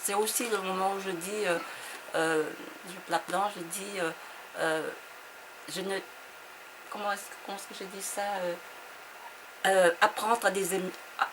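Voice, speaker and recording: A woman author from Vietnam talks in a hesitant, reflective interview, often repeating words as she searches for them. Her voice sits a little low. The recording carries a clear noisy background. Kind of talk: interview conversation.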